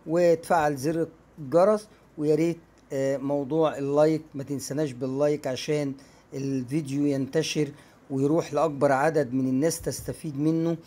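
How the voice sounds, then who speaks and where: Egyptian teacher, man, slightly high voice, patient word drills, video lesson. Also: a little mellow. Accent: Egyptian Arabic. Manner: drills words slowly and repeats them. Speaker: English teacher. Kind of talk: YouTube language lesson.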